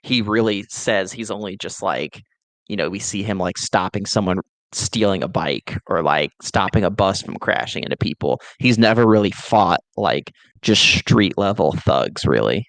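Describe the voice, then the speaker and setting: Podcast co-host, male, gravelly lower register, dry recording, eager fan-style movie pitch in casual talk. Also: moderate pace, fairly bright tone, no room sound.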